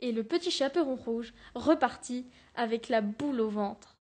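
Young female narrator for a class storybook, high pitch, steady reading. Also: normal speed.

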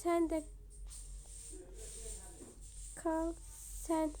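A woman's voice: very high-pitched, monotone, slow, warm tone, a little hiss or hum. A woman giving casual gameplay commentary as a game video creator, chatty and talking straight to her viewers, muttering to herself while she builds.

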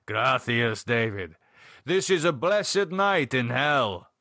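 A man's voice: medium pitch, sing-song, slow, bright, forceful tone, dry recording, studio quality, exaggerated voice. A man voicing a lawyer in his fifties, eager and formal.

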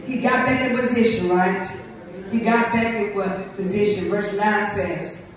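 A woman's voice: mid-range voice, fairly even intonation, a little slow, crowd noise. A woman pastor preaching a fervent call-and-response sermon at a church service. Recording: echoey room, voice from a distance.

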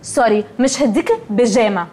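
A woman's voice: a little high, fairly quick, mellow, lightly acted. An actress playing a haughty Egyptian woman. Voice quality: haughty dismissive delivery. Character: snobbish young woman who drops in English words.

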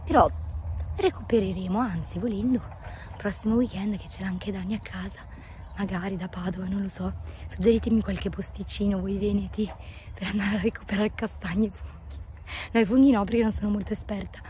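A woman chats casually to a vlog camera, hoarse and losing her voice, at times breaking into a whisper. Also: medium pitch, steady tone, fairly quick, dark tone, slight background noise. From northern Italy. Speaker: daily vlogger. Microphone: phone at arm's length.

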